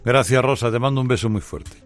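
A man's voice: medium pitch, a little fast, faint music behind. A man interviewing a guest on the radio, asking questions courteously and playfully.

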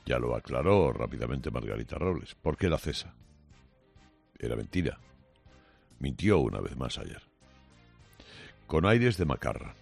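A very deep, gravelly male radio host, delivering a combative morning opinion monologue. His delivery swings widely in pitch, sarcastic and biting, full of pauses and restarts. Faint music sits behind him. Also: very animated, a little mellow.

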